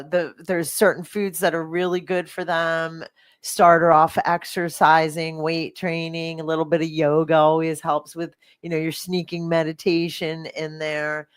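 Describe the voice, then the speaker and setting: A middle-aged woman hosting a fitness podcast, talking in a rambling, animated way with lots of fillers and restarts. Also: low-pitched, dry recording. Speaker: fitness coach and podcast host. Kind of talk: casual podcast chat.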